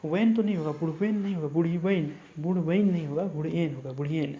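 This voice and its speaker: A man's voice: on the high side, quick pace, dull audio, noisy background. A man teaching an exam class, thinking aloud and repeating answers as he asks the class. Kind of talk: explaining a mock test.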